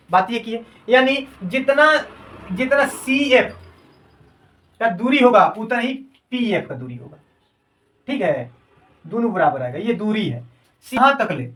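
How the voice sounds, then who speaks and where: A man's voice: extremely high pitch, a bit bright, distant mic, rough recording. A man teaching a classroom science lesson. He repeats each term as a question and then answers it, and calls his students "babu".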